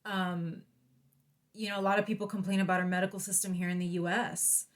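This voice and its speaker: A woman's voice: medium pitch, level tone, a little fast. An American woman vlogger talking in a casual personal monologue, reflective and hesitant as she thinks aloud.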